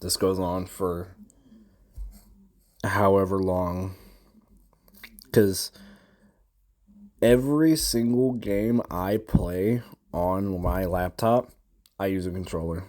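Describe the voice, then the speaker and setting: Slow, low-voiced young man ranting. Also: darkish tone. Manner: slangy, profane, rambling with restarts. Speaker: gamer recounting a boss fight. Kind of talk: casual rambling recap.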